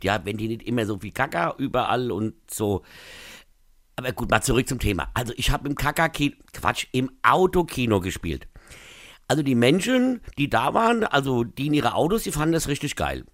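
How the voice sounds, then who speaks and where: A male stand-up comedian performs a scripted radio bit, his pitch jumping up and down as he lands his gags. The recording is close and dry, with almost no room sound. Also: no room sound. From Rhineland-Palatinate, Germany. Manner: punchy, jokey delivery with sudden pitch jumps and asides.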